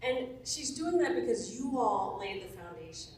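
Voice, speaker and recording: Woman, 40s, chatty church testimonial, laughs a lot, distant mic, very echoey room, faint rumble. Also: moderate pace. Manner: laughs often, lively and chatty. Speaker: former church member giving a testimonial. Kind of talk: casual storytelling testimonial.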